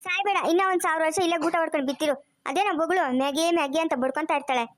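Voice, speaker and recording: Sassy cartoon granddaughter voiced by a woman, rural Chikkaballapur Kannada accent, high and quick, mocks and talks back. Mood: mocking. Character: sharp-tongued young granddaughter, sassy and impatient. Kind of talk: cartoon voice acting.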